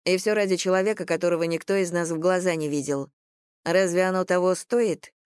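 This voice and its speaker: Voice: mid-range voice, a little fast, smooth, dry recording, studio quality, lightly acted. A reader voicing an impassive young woman who speaks evenly and coolly. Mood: calm. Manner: even, detached.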